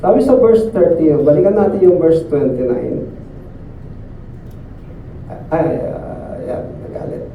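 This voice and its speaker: A man preaches a sermon at a church service in a high voice, chatting with the congregation and checking again and again that they agree. He stands away from the microphone in a reverberant hall. The sound is narrow and tinny like a phone line, with faint room noise behind. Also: animated, measured pace, pauses often. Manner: conversational, often asks listeners "di ba?". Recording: echoey distant phone-like sound.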